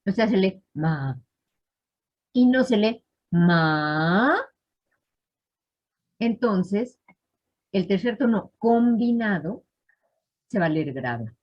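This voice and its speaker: A woman's voice: mid-range voice, lively intonation, measured pace. Patient woman teaching tones. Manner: patient, checks in with students often. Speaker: language teacher. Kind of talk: live class explanation. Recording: dull lo-fi online class audio.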